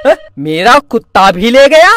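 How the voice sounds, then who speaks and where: A man performing a slapstick comedy sketch, talking loudly with exaggerated shouting and mock crying. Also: extremely high pitch, very animated, a little slow. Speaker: comedy sketch performer voicing several characters. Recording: loud music under the voice.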